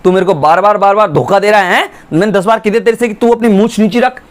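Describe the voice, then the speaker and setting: A man's voice: high voice, fast, close to an everyday voice. A man doing an arrogant, hot-tempered nobleman. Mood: furious. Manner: shouting insults, indignant.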